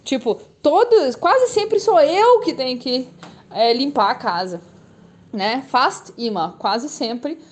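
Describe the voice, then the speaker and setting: Woman, high voice, unhurried, patient language teacher. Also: animated. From Brazil. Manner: slow, patient, repeats phrases for learners. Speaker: German teacher. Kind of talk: language lesson.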